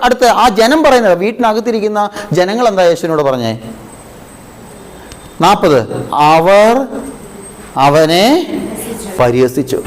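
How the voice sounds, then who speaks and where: Animated priest preaching a sermon. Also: male voice, poor audio. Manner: asks the listeners questions and repeats key phrases; animated, with big swings of pitch and loudness.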